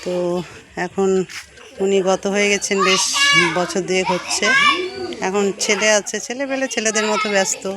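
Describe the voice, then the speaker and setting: A woman health worker talking to her viewers outdoors, a little out of breath, gently coaxing and advising the people she meets. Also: medium pitch, moderate pace, pauses often, very noisy. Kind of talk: casual vlog talk to viewers. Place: outdoors by a village road.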